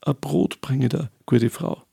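A man's voice: medium pitch, measured pace, creaky, warm tone, slightly rough, full character voice. A man voicing a humble, kind peasant girl who talks politely and coaxingly in a folk tale.

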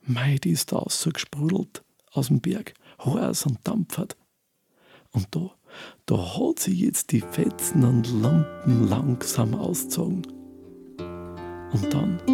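A man's voice: fairly high pitch, expressive, slow, vocal fry, over music. A man telling a folk tale in a homely way, with casual fillers. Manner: dialect-tinged, homely narration with fillers. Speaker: storyteller.

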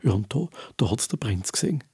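A man's voice: on the low side, expressive, brisk, a little mellow, slightly rough, no room sound, studio quality. A man telling a folk tale in a homely way, with casual fillers. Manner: dialect-tinged, homely narration with fillers. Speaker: storyteller.

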